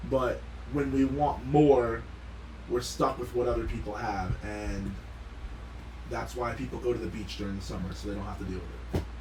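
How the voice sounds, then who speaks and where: A man's voice: mid-range voice, fairly even intonation, moderate pace. A man co-hosting a podcast, rambling through casual sports talk and asking amused questions. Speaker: podcast co-host. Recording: echoey room with faint noise.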